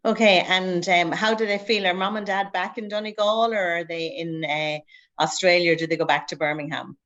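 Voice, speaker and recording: A woman's voice: lowish voice, steady tone, normal speed, a bit bright, highs cut off. A woman hosting a casual recruitment podcast interview, chatty and upbeat as she asks her guests questions.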